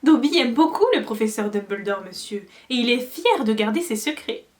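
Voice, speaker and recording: A woman voicing a timid, eager male house-elf with a high, earnest, anxious voice. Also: lively intonation, normal speed, lightly acted. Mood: fond.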